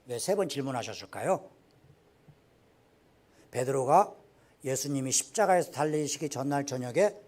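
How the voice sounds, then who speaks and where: Man preaching with dramatic, lively swings. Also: medium pitch. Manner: dramatic, acts out quoted dialogue with big swings in volume. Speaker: pastor. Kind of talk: sermon. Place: church sanctuary.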